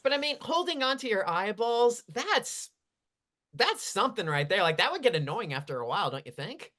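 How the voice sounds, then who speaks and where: A woman in her thirties hosting a casual studio podcast, laid-back and trailing off softly. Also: medium pitch, very animated, moderate pace. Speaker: podcast host. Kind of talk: casual chat.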